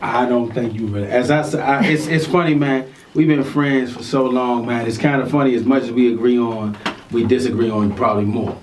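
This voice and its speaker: Mid-pitched guy cohosting talk radio, easygoing, a little far from the mic, faint hiss. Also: fairly even intonation, fairly quick, darkish tone, echoey room. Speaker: radio show co-host. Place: radio studio.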